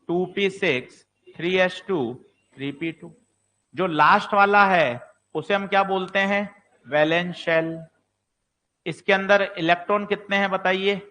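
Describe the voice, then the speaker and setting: A man's voice: high-pitched, sharp tone. A man teaching exam-prep physics, asking questions and answering them himself, sometimes playing a doubting student. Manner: plays the student voicing doubts.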